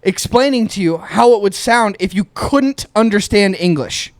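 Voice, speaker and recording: A man's voice: sits high, animated, moderate pace, no room sound. A man co-hosting a podcast, explaining his point in an exasperated, teasing way during casual chat. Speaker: podcast co-host.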